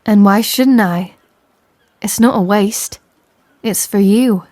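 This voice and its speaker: Slow and darkish in a mid-range voice, this woman gives a lightly acted performance with no room sound. She voices a tender yet commanding pirate captain in an intimate, scripted roleplay addressed to the listener, teasing and insistent, with a stage pirate accent and playful sailor slang.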